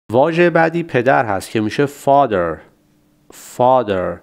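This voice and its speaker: Man teaching vocabulary, slow repeats. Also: mid-range voice. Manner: slow, drawn-out repetition of words for learners; polite, formal greeting. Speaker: English teacher. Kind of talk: vocabulary lesson.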